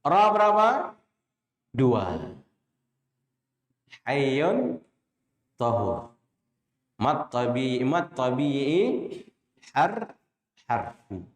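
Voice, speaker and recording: A man with an Indonesian accent teaching Quran recitation, drilling letter names slowly and quizzing his students with short questions. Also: medium pitch, sing-song, reverberant. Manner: chants drawn-out letter names when demonstrating. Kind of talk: classroom lesson with call-and-response recitation.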